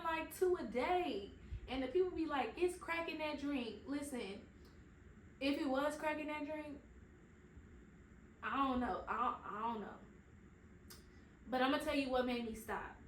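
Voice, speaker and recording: Woman in her 30s gabbing on her podcast, kinda high voice, roomy echo, bit of hiss. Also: moderate pace, long pauses. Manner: chatty and animated, slangy asides to listeners. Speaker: podcast host. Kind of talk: casual storytelling.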